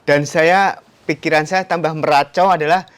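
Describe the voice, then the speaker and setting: A man telling his own story in a casual interview. His voice sits a bit high for a man, and he acts out his past words with sudden leaps up in pitch. He keeps tagging "Mas" onto his phrases. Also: steady tone, moderate pace. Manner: tags sentences with "Mas". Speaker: interview guest, stroke survivor.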